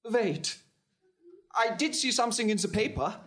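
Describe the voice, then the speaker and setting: A man's voice: sits high, expressive, normal speed, a bit bright. A man voicing a forgetful, injured German baron henchman with a put-on German accent in a comedy audio drama, flustered and eager to please. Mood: pleading.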